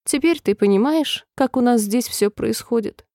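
Storybook queen, old and fretful, very high wailing voice, voiced by a woman narrator; dry, mellow read. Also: moderate pace, no room sound, close to an everyday voice. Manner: wailing, squealing cries, then oddly calm.

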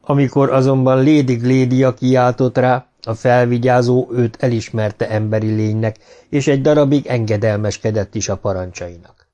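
A man voicing a humanlike male robot, polite, measured, logical, mellow dark tone, audiobook character. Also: mid-range voice, fairly even intonation, lightly acted. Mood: calm.

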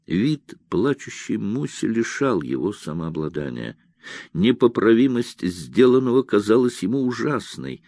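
Male audiobook narrator, low voice, very slow pace, dry close sound, measured expressive reading. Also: dry recording. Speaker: audiobook reader. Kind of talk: scripted narration.

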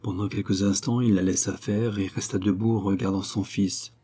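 A man reads a classic novel aloud at a measured, steady pace. His voice is low, mellow and dark, with a husky edge. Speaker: audiobook narrator. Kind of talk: literary audiobook narration.

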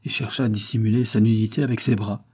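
A man narrating a crime novel as an audiobook, with steady storytelling. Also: lowish voice, fast, breathy edge.

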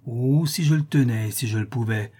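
A man voicing a coarse, sharp-tongued old woman concierge in a read-aloud novel. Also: medium pitch, husky, lightly acted. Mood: scolding. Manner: scolding, quick insults.

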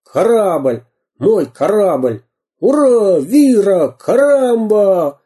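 A man's voice: sits high, sing-song, drawn-out words, breathy edge, pitched above the performer's own voice, exaggerated voice. A man voicing a boisterous, boastful pirate captain who bellows orders in a raised voice for a storybook reading. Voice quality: bellowing, shouty.

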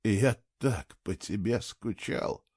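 A man voicing a grown man who speaks low and firm, a jealous lover turning tender, in a storybook reading. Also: animated, a little slow, a little mellow, no room sound, studio quality, lightly acted. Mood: tender, hushed.

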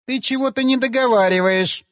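A man's voice: sits high, sing-song, normal speed, no room sound, studio quality, long reverb tail, pitched above the performer's own voice. A man voicing a sentient talking rifle that is bloodthirsty, proud and reproachful. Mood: eager. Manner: plaintive, reproachful, childlike.

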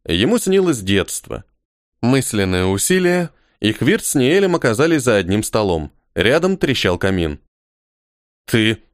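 A male narrator reads an audiobook with a lively, widely moving voice at a middle pitch. His reading is expressive and varied, and the recording is dry and close. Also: moderate pace, dry recording. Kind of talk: scripted narration.

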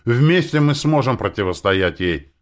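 Man doing a desperate, shouting stranger. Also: medium pitch, lively intonation, measured pace, voice pushed up, lightly acted. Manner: shouting, pleading. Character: desperate frightened man pleading loudly.

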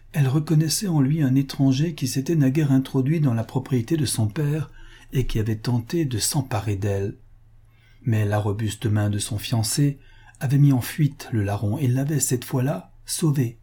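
A man narrating an adventure novel aloud in a steady, measured storytelling manner. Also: mid-range voice, breathy edge. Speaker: reader. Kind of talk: audiobook narration.

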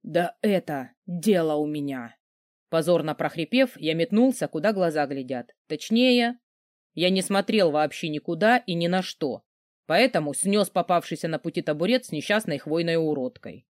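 A man narrating a novel in first person, sardonic and gruff. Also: a little high, lively intonation, moderate pace, no echo, clean studio sound. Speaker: audiobook narrator.

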